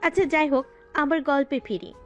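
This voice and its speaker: Higher-voiced woman narrating a story. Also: normal speed, muffled recording. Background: faint background music.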